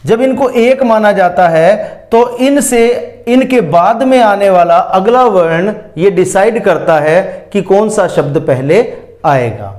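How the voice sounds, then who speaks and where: Middle-aged male teacher, unhurried, patient explainer, higher-pitched voice. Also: expressive, darkish tone. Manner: patient, explanatory, repeats examples slowly. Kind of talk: Hindi grammar lesson.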